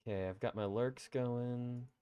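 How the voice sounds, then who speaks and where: A man's voice: medium pitch, fairly even intonation, measured pace, warm tone, clean tone, dry recording, dull audio. A young man from Colorado chatting casually on a live stream, laughing easily and answering his chat. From Colorado, USA.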